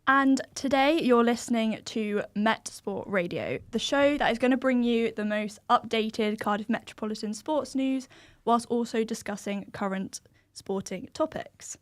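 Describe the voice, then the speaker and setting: A woman's voice: fairly high pitch, unhurried, dry recording, studio quality. A young woman with an English accent, hosting a student radio show and leading an informal discussion. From England. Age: young adult.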